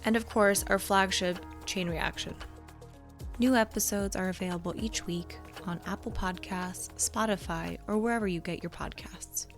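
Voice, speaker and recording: A woman's voice: mid-range voice, fairly even intonation, normal speed, faint music behind. Woman reading a podcast network promo. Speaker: network announcer. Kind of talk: scripted promo read.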